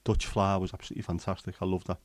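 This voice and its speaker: A livestream host from England talks very fast in a low voice, keeping a level tone. His chat is casual and rambling, packed with ums and restarts, as he reads out and replies to live comments.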